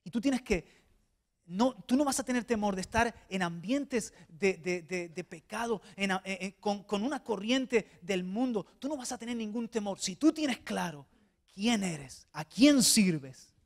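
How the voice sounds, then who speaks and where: Before a church congregation, a male pastor delivers a sermon, moving from hushed tones to loud exhortation and frequently repeating small words. His voice is high and animated, and he keeps a measured pace.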